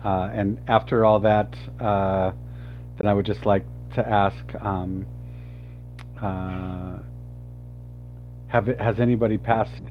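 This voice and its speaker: A man's voice: on the low side, steady tone, takes it slowly, pauses often, dull audio, faint music behind. A man playing a tabletop game, talking hesitantly with many fillers. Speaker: player.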